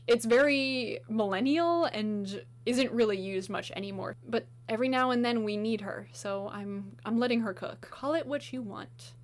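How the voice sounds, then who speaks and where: A woman chatting casually as she ranks songs, gushing and enthusiastic, with lots of filler words and a slightly hoarse voice. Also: fairly high pitch, moderate pace, hardly any pauses. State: slightly hoarse, losing her voice. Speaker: video host. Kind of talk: casual music ranking chat.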